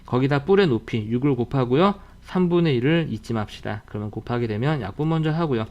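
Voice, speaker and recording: A man teaching a math lesson in an online video lecture, walking through problems briskly and repeating reminders between friendly asides. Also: medium pitch, lively intonation, darkish tone, lo-fi sound.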